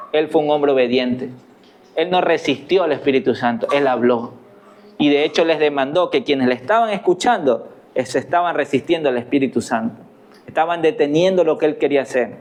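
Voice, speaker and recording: A man's voice: on the high side, a little mellow, a little hiss or hum. A middle-aged man preaching a sermon as pastor, earnestly putting questions to the congregation.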